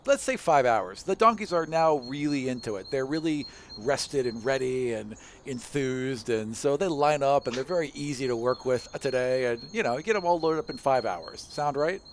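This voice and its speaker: A man running a tabletop game as dungeon master, his voice sitting at a middle pitch. He describes the scene in a relaxed, rambling way, with lots of "like" and "you know" along the way. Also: moderate pace, hardly any pauses, slight background noise. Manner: casual, loose narration with many fillers.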